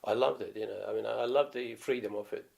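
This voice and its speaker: A man's voice: medium pitch, fast talker, creaky, a little mellow. A man in his seventies from Turkey, speaking English with a Turkish accent, telling rambling stories about his life as a viola player, with many fillers and restarts. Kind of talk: reminiscing in a documentary interview.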